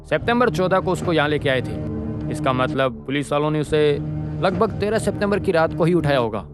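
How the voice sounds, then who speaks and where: Brief: male actor as a methodical officer, plain reasoning, mid-high voice. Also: lively intonation, moderate pace, over music, natural voice. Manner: matter-of-fact, reasoning aloud. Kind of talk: Hindi film dub.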